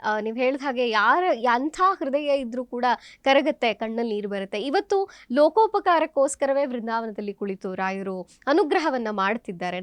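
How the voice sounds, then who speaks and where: Polite woman interviewer, high and dry. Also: dry recording. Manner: polite and deferential, with many soft hums. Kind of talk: respectful interview.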